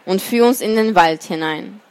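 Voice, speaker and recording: A woman's voice: mid-range voice, normal speed, lightly acted. A woman voicing a bold young boy hero who questions the animals in a storybook reading.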